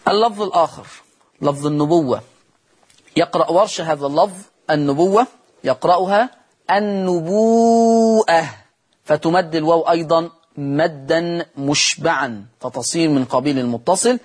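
A man with an Egyptian accent teaching Quran recitation on television, moving between quick explanation and slow, drawn-out chanted verses. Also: fairly high pitch, husky. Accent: Egyptian Arabic. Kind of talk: televised tajweed lesson.

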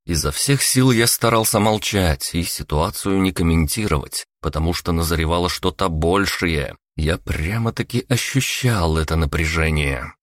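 Deep-voiced man narrating an audiobook. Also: no room sound, studio quality. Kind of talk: first-person novel narration.

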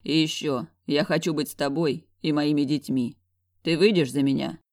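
An audiobook reader voicing a huge bearded man, loud and hoarse, who proposes marriage. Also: on the high side, fairly even intonation, moderate pace, no room sound, clean studio sound, close to an everyday voice. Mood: earnest.

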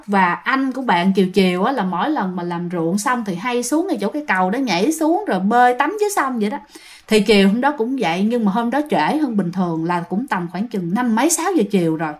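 A woman with a Southern Vietnamese accent telling a ghost story in a chatty way, speaking to her listeners directly and repeating herself often. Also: a little high. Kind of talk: casual spoken ghost story.

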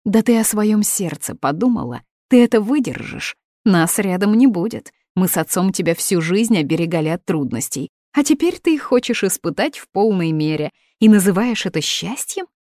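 A woman's voice: medium pitch, big pitch swings, normal speed, hardly any pauses, warm tone, no echo, voice pushed up. A woman reading the part of a stern middle-aged mother, reproachful and indignant, in a dry, close recording. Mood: persuasive.

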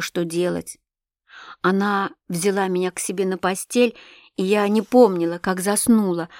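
A woman's voice: mid-range voice, no echo, clean studio sound. Woman reading a novel with feeling. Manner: expressive, emotional storytelling. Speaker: audiobook reader. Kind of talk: scripted narration of a classic novel.

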